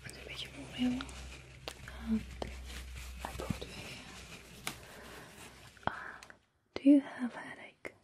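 Woman whispering softly, caregiver roleplay. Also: high-pitched, steady tone. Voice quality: breathy whisper. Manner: soft, gentle, slow whispering. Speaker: ASMR performer.

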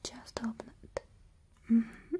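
A woman whispering softly and soothingly as a doctor in an ASMR roleplay. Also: slow. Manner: soft whispering, gentle and soothing. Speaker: ASMR creator.

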